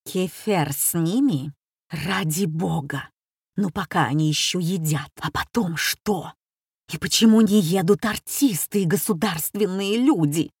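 A woman's voice: fairly low pitch, a little slow, husky, no echo, exaggerated voice. Woman narrator acting distraught society hostess, anxious whispers, dry close sound. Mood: flustered. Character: flustered society hostess, middle-aged woman. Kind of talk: audiobook character voice.

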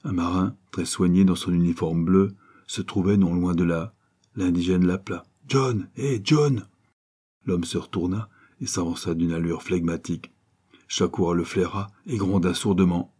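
A man narrating an adventure novel aloud in a measured, even reading. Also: deep voice, breathy edge. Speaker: audiobook narrator. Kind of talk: scripted narration.

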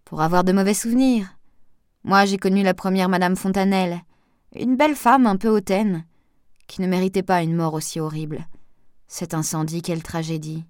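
A woman's voice: lowish voice, steady tone, normal speed, darkish tone, smooth, dry recording, studio quality, lightly acted. A woman voicing a gossipy elderly village woman who talks in a confiding, old-fashioned way.

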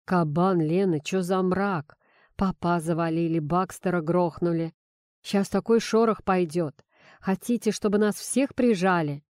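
A woman voicing a nervous, bass-voiced male thug grumbling at the others. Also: unhurried, darkish tone, no echo, clean studio sound, lightly acted.

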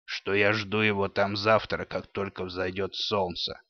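A man's voice: lowish voice, level tone, a little slow, natural voice. Man playing a grim robber chief. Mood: menacing. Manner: menacing, gruff. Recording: dull dry lo-fi sound.

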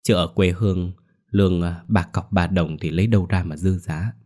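A man doing a shrill scheming young wife. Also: steady tone, moderate pace, darkish tone. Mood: coaxing. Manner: shrill, pleading.

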